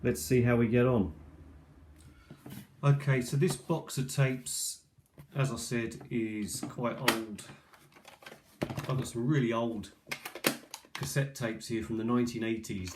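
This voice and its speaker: At a kitchen table, a middle-aged man does a rambling show-and-tell of old cassette tapes for a video, hesitating and musing aloud. He speaks slowly in a steady, mid-range voice with long pauses, and the ageing iPad's built-in microphone leaves the audio clearly noisy with clicks.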